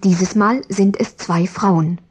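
A woman's voice: medium pitch, steady tone, slow pace, very noisy. A woman narrating a Bible story with scripted, devout storytelling.

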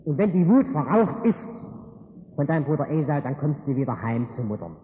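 A man's voice: on the high side, very animated, brisk, pitched below the performer's own voice. A preacher playing a scheming mother warning her son in a retold Bible story, heard in an echoey hall over a tinny line. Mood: urgent.

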